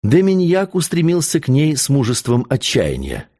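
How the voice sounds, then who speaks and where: A man narrating an audiobook in an expressive, theatrical reading. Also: fairly high pitch, moderate pace. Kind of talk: audiobook narration of a historical novel.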